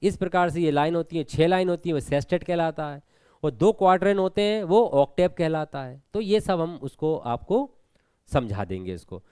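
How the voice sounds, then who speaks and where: A man's voice: on the high side, expressive, moderate pace, warm tone, clear, resonant tone, no echo. A man teaching an exam preparation lesson with a Hindi accent, explaining step by step and asking students questions. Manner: explanatory, repeats points, asks students questions.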